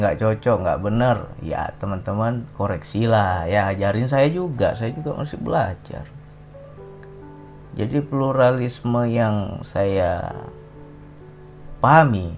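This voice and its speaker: A middle-aged man from Sumatra, giving an informal spiritual talk in a conversational way, often tagging his sentences with a questioning "ya". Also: fairly low pitch. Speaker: religious talk speaker.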